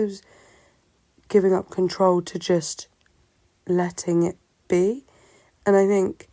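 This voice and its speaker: A woman talking casually and reflectively to her listeners, musing in a halting way, her voice affected by a sore throat. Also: fairly low pitch, gravelly, dark tone, no room sound. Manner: halting, musing, self-questioning. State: sore-throated, unwell-sounding voice. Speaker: solo host of a personal talk show.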